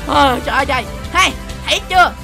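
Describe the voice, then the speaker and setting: A woman's voice: high-pitched, fast talker, vocal fry, loud music behind the voice. A young woman hosting a gaming video, dramatic and exclamatory, full of shrieks and teasing threats. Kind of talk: excited game commentary.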